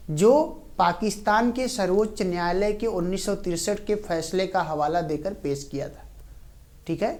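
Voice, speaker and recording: Woman teacher, unhurried lecture pace, repeats points, leans on fillers. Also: mid-range voice, darkish tone. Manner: slow, repetitive, frequent fillers. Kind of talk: classroom lecture.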